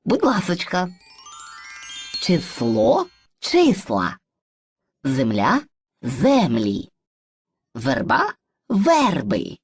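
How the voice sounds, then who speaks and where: A woman's voice: lowish voice, wildly swooping pitch, measured pace, slightly rough, faint music behind, heavily acted. A woman voicing Surzhyk, an eager, muddled boy who is personified mixed speech, in an educational cartoon, boastful and hesitant by turns. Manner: boastful, hesitant, playfully theatrical.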